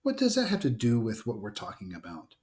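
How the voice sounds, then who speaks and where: A man's voice: fairly low pitch, wildly swooping pitch, brisk, darkish tone. A man reading the part of a caring, exasperated teenage older sister in a storybook, insistent and reasoning. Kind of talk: storybook read-aloud dialogue.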